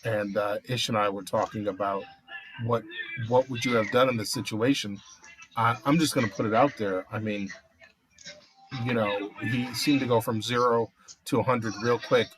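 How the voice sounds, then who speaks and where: Halting man with faint noise behind him. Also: lowish voice, steady tone. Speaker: talk show co-host. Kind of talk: casual discussion of recent news.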